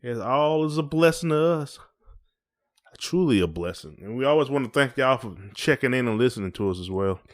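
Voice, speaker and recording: An expressive man of medium pitch, talking a little fast, co-hosts an easygoing podcast. His conversation wanders in a folksy way, and he often circles back to the same phrases.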